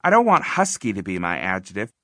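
An audiobook narrator with a lowish voice reads a first-person children's novel a little quickly, sounding expressive, confiding and conversational, with emphatic phrasing. The clean studio recording has no room sound.

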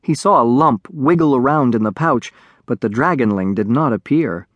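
Expressive male audiobook narrator. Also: medium pitch, normal speed, no echo, dull audio. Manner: expressive, varied storytelling voice. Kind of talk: scripted children's audiobook narration.

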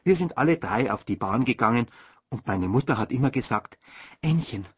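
A man narrating an audiobook as lively, scripted storytelling, in a dull lo-fi recording. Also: mid-range voice, brisk, husky, dry recording.

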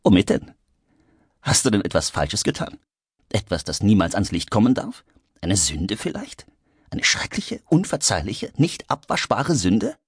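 A man voicing a volatile, spiteful young English nobleman in an audiobook, swinging from mocking calm to shrill screaming. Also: moderate pace, breathy edge, no echo. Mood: bitterly mocking. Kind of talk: audiobook character voice. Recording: dry studio recording.

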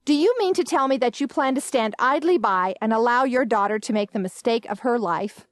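A woman playing a disapproving older mother, imperious and scolding. The voice is fairly high and is recorded dry and close, as in an audiobook reading. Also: a little fast, dry recording, close to an everyday voice.

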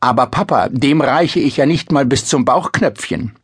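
A man's voice: mid-range voice, moderate pace, slightly rough, no echo, clean studio sound, pitched above the performer's own voice, lightly acted. A haughty mocking princess, as a man puts her on. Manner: sharp-tongued, teasing, theatrical. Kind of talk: storybook reading.

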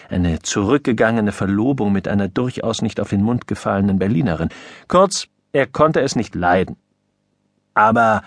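A man reading a humorous story aloud as an audiobook narrator, with an expressive, mock-stern manner, on a close studio microphone. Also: fairly low pitch, creaky, dry recording.

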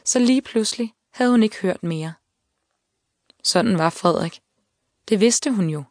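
A woman reading an audiobook, with calm, measured storytelling. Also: medium pitch, dry recording. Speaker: audiobook narrator. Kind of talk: scripted narration. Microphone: close studio mic. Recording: dry studio reading.

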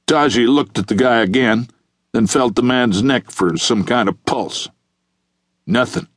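A man narrating a crime audiobook in a steady, measured reading. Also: fairly low pitch, no echo.

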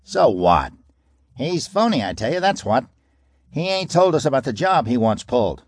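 A man voicing a raspy, impatient ex-mobster, talking in loud, sneering gangster slang in an audiobook. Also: mid-range voice, sing-song, moderate pace, no echo, studio quality, pitched above the performer's own voice. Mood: scornful. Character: impatient, arrogant ex-mobster man, tough talker. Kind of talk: audiobook character voice.

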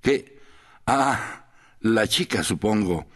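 A man's voice: on the low side, expressive, drawn-out words, fairly bright tone, voice pushed up, heavily acted. A man voicing a weary, lonely middle-aged foreigner in an audiobook, talking in a rambling, sighing, pleading way. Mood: idle musing. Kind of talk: audiobook character voice.

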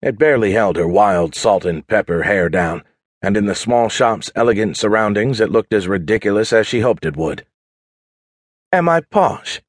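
A man narrating an audiobook thriller in a steady, measured read. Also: fairly low pitch, no echo, clean studio sound. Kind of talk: scripted narration.

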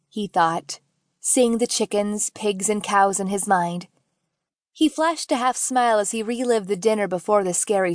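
A woman audiobook narrator reading fiction in a measured, gentle storytelling manner. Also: mid-range voice, no room sound, clean studio sound.

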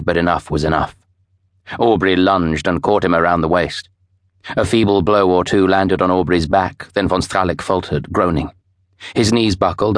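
A man giving measured, expressive scripted narration of a novel for an audiobook. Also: low-pitched, no echo, clean studio sound.

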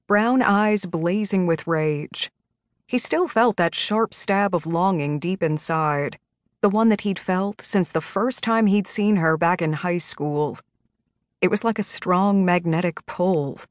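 Brief: woman audiobook narrator, lowish voice, dry close sound, steady measured reading. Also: dry recording.

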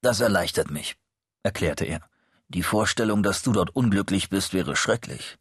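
A man voicing a middle-aged male psychologist in an audiobook, speaking smoothly, evenly and with quiet insistence. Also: sits low, lively intonation, moderate pace, no room sound, studio quality. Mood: soothing. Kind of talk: audiobook character reading.

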